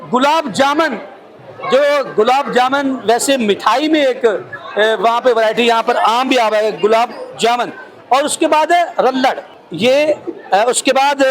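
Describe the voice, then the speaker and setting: A man's voice: very high-pitched, a bit bright, rough recording. A male field reporter with a Pakistani Urdu accent gives a walking tour of an exhibition, listing items one by one with many fillers, speaking into a handheld mic. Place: crowded indoor exhibition hall. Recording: crowd chatter behind.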